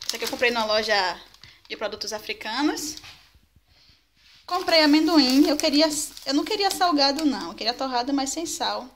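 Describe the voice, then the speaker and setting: Her voice is high, animated and fairly quick, with a fairly bright tone: a young adult vlogger from Salvador with a Bahian Brazilian Portuguese accent. She chats casually to a handheld camera at arm's length, at home and while walking through the city. Ambient noise runs through the handheld recording.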